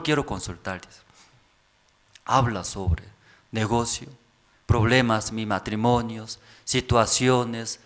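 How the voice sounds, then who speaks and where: Male pastor, sermon delivery, halting plain phrasing, rhetorical questions, mid-pitched voice.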